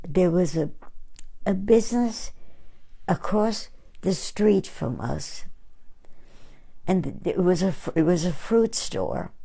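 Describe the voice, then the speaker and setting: Slow-spoken older woman, gravelly and mellow. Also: fairly low pitch. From Austria. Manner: slow, halting, gentle storytelling. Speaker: host, painter. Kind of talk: casual reflective talk.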